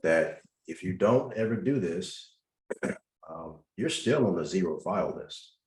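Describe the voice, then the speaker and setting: A man's voice: low voice, animated, unhurried, a little mellow, echoey room. A man hosting a video-call Q&A, giving instructive advice to callers and stressing his points by repeating them. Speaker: host answering caller questions.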